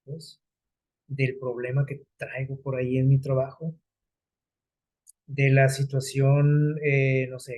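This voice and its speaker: Male preacher, husky conversational sermon delivery, slows down for scripture quotes. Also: mid-range voice, dark tone, poor audio. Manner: conversational, explains scripture with everyday examples and rhetorical questions.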